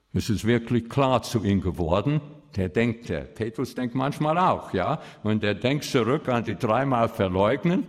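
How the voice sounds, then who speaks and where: A man's voice: medium pitch, long reverb tail. A man preaching a sermon to his congregation. He speaks emphatically, and his voice rises sharply whenever he stresses a point.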